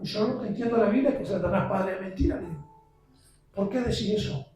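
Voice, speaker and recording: A visiting preacher, a man, giving an impassioned sermon that builds to shouts. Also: high voice, quick pace, recorded from a distance, faint music behind. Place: church sanctuary. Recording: very echoey church, heard from afar.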